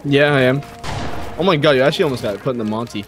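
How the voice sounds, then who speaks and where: A man's voice: medium pitch, racing. A young man trash-talking casually during an online game, a cocky hyped gamer bro. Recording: music and game gunfire behind. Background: music, game gunfire.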